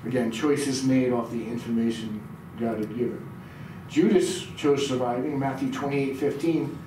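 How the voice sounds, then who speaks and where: Heard through a distant mic in a very reverberant, noisy room, a middle-aged pastor delivers his sermon. He reads scripture and quizzes the audience in a mellow, medium-pitched voice with a steady tone and moderate pace.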